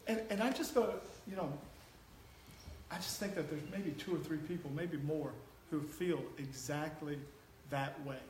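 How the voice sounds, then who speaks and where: A little hiss or hum sits under this pastor's slightly high voice as he preaches in a church sanctuary with hall-like echo. He begins by joking and chatting with the congregation and works up to a passionate exhortation.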